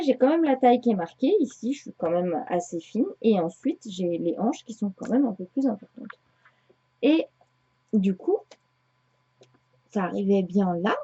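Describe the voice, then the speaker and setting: A woman's voice: medium pitch, lively intonation, moderate pace, warm tone, breathy edge. A woman in her thirties chatting casually to viewers about her knitting and sewing projects, rambling with many hesitations. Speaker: knitting podcaster. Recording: dull lo-fi home recording.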